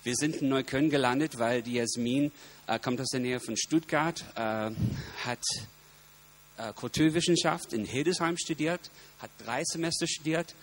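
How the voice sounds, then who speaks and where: A man with an American accent and English as his first language gives an informal personal talk, halting as he searches for words in a language not his own. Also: mid-range voice. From United States. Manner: halting, searching for words in non-native grammar. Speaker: guest speaker, singer-songwriter. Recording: steady electrical hum behind voice.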